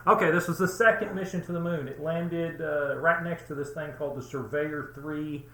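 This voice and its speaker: A man hosting his own channel, presenting a tongue-in-cheek conspiracy case in a halting, mock-earnest way with lots of fillers. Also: fairly high pitch, fairly even intonation, bright, forceful tone, echoey room. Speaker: channel host.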